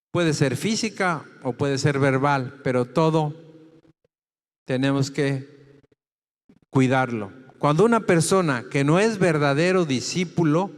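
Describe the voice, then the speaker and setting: Slow, emphatic pastor preaching. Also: male voice, fairly high pitch, in a large hall. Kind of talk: sermon. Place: church hall.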